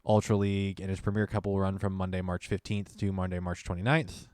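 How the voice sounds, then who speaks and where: A man's voice: low-pitched, flat delivery, fairly quick, a little mellow, clean tone, no echo, studio quality. A young man co-hosting a podcast in casual chat, reading announcements aloud and adding side comments. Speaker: podcast co-host.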